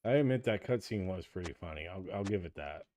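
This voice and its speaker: A man doing casual live gameplay commentary in a bemused, halting way. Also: deep voice, expressive, darkish tone, slight background noise. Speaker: live streamer playing a video game.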